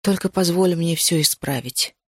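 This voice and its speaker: A woman voicing a low, murmuring remorseful young man. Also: slightly rough, no room sound, studio quality. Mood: remorseful, soothing. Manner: low, slow, murmured apologies.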